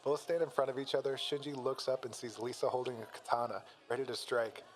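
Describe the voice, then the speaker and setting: A man's voice: mid-range voice, fairly even intonation, fast, soft background music, poor audio. A man reading a fan-written fight story aloud and breaking off to comment. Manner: reads plainly, breaks off to laugh and comment. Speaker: story reader and reactor.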